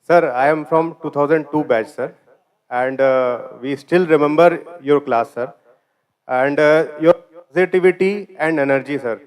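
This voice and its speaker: A man's voice: fairly high pitch, measured pace. Deferential Indian man in his forties. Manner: deferential, says sir constantly. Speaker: alumnus. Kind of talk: audience tribute.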